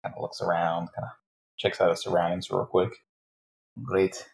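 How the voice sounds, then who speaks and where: A man's voice: sits low, monotone, normal speed, creaky, darkish tone. A man playing a tabletop game with casual in-character banter and a dry, sardonic manner.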